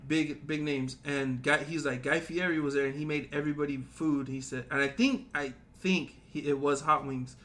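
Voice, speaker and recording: A young man co-hosts a podcast in loose, casual chat, his voice sitting a little higher than most men's. He rambles in a laid-back way, stringing his stories together with slang and fillers. A faint hiss of noise runs under his talk. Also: steady tone, normal speed, hardly any pauses, a bit bright. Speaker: podcast co-host.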